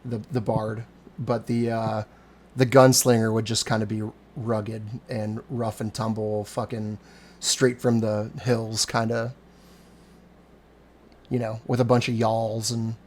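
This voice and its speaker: A man in his forties with a gravelly voice talks in a loose, rambling way. He swears freely and grumbles about getting old, in a casual home chat over voice call. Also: fairly low pitch, flat delivery, slow, darkish tone. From Cincinnati area, USA. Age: 40s. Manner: rambling, profane, self-deprecating.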